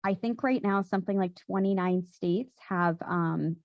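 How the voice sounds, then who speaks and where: A woman's voice: mid-range voice, moderate pace, dry recording, muffled recording. A woman answering on a panel discussion, talking conversationally with many fillers and restarts. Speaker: panelist, gun safety volunteer. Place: event hall.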